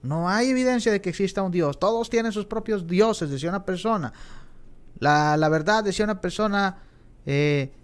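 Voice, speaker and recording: Male preacher, fairly high voice, earnest questioning Bible-class sermon. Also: moderate pace, clear, resonant tone. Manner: earnest, questioning, repeats "hermanos".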